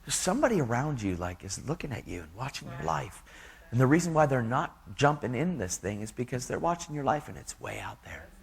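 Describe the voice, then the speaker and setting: A man's voice: mid-range voice, big pitch swings, a little fast, vocal fry. A man giving an earnest, casual testimony in a preaching style, full of slang.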